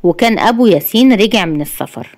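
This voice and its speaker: A woman with an Egyptian accent narrating a dramatic story in a steady, measured way. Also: medium pitch.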